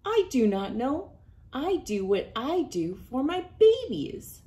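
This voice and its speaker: A woman's voice: sits high, big pitch swings, slow pace, warm tone, voice pushed up, full character voice. A fussy storybook mother rabbit, voiced by a woman. She exclaims fretfully, her voice lifted and swooping. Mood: flustered.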